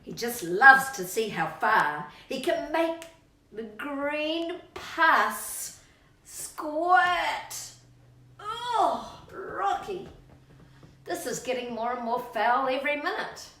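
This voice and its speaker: Her voice sits high, bright and forceful, with lively intonation and drawn-out words. This children's storytime host reads aloud in a sing-song way, making asides to her dog, in a room with echo and a distant mic.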